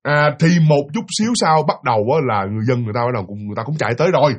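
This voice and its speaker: A man narrating a ghost story in an animated, dramatic way, speaking directly to his listeners. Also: medium pitch, very fast, breathy edge.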